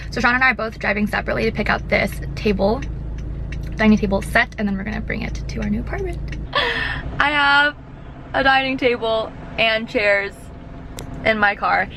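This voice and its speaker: A woman's voice: fairly high pitch, creaky. Young woman, casual upbeat vlogger, fillers galore, noisy camera audio. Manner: chatty, upbeat, filler-heavy. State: tired, out of breath at times. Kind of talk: casual vlog narration. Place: around the city, indoors and outdoors. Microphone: handheld camera mic.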